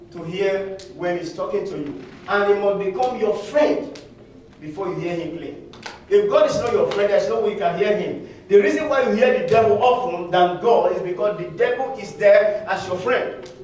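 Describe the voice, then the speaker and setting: A high-pitched man preaching with a Nigerian English accent, playing out little scenes of people talking and laughing along. His voice rings through a very echoey hall, picked up from a distance. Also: lively intonation, moderate pace, a little mellow, a little hiss or hum. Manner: preaching with acted-out quotes and laughter. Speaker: pastor. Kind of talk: sermon.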